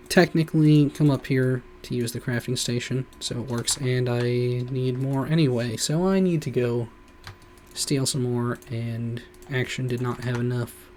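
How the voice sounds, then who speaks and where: A man's voice: medium pitch, darkish tone, a little hiss or hum. A man streaming a game, rambling casually with lots of "like" and "you know". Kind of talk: casual gameplay commentary.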